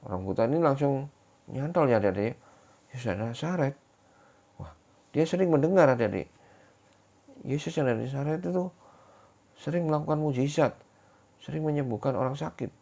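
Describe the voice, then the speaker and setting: Gravelly man telling kids a Bible story. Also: mid-range voice, normal speed, long pauses. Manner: keeps addressing the kids, repetitive and animated. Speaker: children's church teacher.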